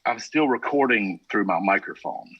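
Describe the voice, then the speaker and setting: A man's voice: on the low side, normal speed, slightly rough. A man co-hosting a casual chat, his voice coming through with a tinny, metallic sound like a phone line. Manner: relaxed, practical, talks through tech setup. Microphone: switched device, calling in. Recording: tinny call-in audio from a distance.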